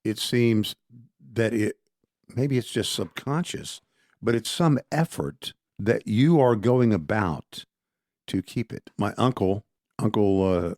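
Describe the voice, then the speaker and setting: A man's voice: fairly low pitch, slow pace, darkish tone, no room sound, studio quality. A man, co-hosting a casual conversation and rambling through his thoughts with frequent restarts. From Texas. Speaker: podcast co-host.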